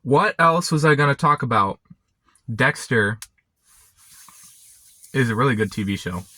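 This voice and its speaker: A young man chatting casually and unscripted to camera, halting and often interrupting himself as he rambles. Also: medium pitch, lively intonation, pushed and bright. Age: young adult. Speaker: vlogger. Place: inside a parked car. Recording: background noise, vehicle ambience.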